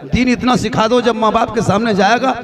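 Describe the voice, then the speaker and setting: A man preaching a fiery sermon in rhythmic rhetorical lists that build toward shouting. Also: high voice, fairly even intonation, brisk. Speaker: Islamic preacher. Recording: crowd noise behind. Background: crowd audible.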